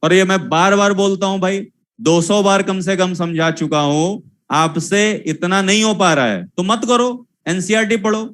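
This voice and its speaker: A high-pitched young man gives a zoology lecture. He keeps scolding the students, repeating the same points over and over. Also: measured pace, fairly bright tone. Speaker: teacher. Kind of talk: classroom lecture.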